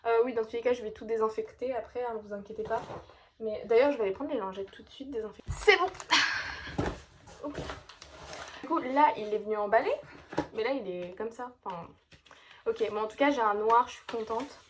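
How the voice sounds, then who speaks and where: A woman's voice: fairly high pitch, brisk, noisy background. A young woman in her late teens from France, chatting casually and gushingly at home in a vlog, full of fillers. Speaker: vlogger. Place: at home indoors.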